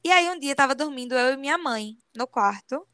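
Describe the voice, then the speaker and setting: Young woman on a podcast, high voice, talks real fast, clear. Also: no echo, clean studio sound. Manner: animated, swears she is telling the truth. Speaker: podcast co-host. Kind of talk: casual podcast chat.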